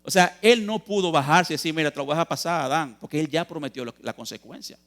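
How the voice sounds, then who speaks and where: Preaching a youth sermon in church, a man speaks fast in a high-ish, fairly bright voice. He's earnest and emphatic, raising questions and answering them while addressing his listeners as brothers.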